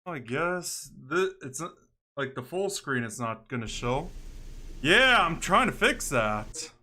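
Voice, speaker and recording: A man's voice: fairly high pitch, sing-song, takes it slowly, bright, forceful tone. A man casually commentating on a game livestream, thinking aloud and muttering to himself in short phrases. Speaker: game streamer.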